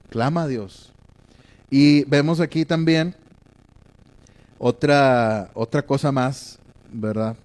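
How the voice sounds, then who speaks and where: A man's voice: on the high side, darkish tone. A man preaching a sermon in a reflective way, often checking in with his listeners.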